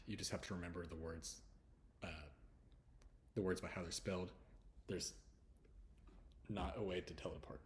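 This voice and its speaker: Deep-voiced man teaching pronunciation. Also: a little hiss or hum. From United States. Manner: relaxed, repeats sounds slowly, chatty asides. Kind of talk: slide-based pronunciation lesson.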